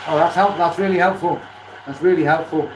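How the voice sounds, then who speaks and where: This Welsh livestreamer, new to woodturning, speaks a little fast with fairly even intonation as he works indoors. His chat is casual, and he often repeats phrases to stress them. Loud lathe noise and workshop echo fill the recording.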